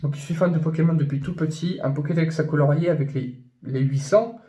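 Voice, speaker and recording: A man chatting casually about his new purchases, rambling with many fillers and restarts, and gushing when excited. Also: a little high, brisk, reverberant. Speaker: YouTuber showing his purchases. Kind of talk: casual unboxing chat.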